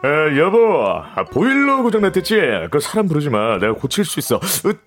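A man's voice: a little high, huge pitch swings, brisk, a bit bright, soft background music. A man playing an overconfident young husband who insists on doing his own repairs. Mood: stubborn. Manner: stubborn, boastful.

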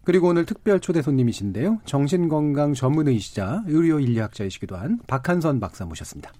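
A man's voice: fairly high pitch, big pitch swings, fast, dark tone, no echo. A man hosting a public radio talk show, reading scripted introductions in a formal, articulate presenter's manner.

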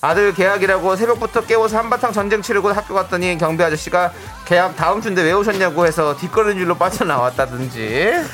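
A man's voice: sits high, fast, hardly any pauses, a bit bright, soft background music. A man co-hosting a radio show in a studio, reading out listener messages and announcing prizes.

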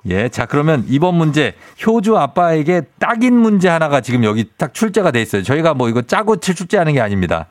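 A man's voice: fairly high pitch, big pitch swings, brisk, hardly any pauses, no room sound, clean studio sound. A man hosting a radio quiz like a game show host, presenting questions and bantering playfully with the contestant. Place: studio.

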